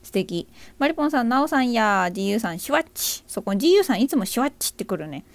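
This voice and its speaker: A bubbly woman hosts a casual live audio stream, talking fast with big swings in her slightly high pitch. She greets listeners by name, reads their comments out loud and jokes self-deprecatingly about herself, all on a dry recording.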